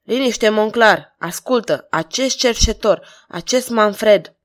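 A woman's voice: mid-range voice, lightly acted. A woman voicing a furious, cruel male king barking orders in an audiobook reading. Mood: angry commanding.

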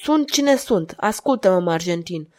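A woman reading aloud and voicing a cold, relentless duchess who speaks in an insistent, measured way. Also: mid-range voice, animated, lightly acted.

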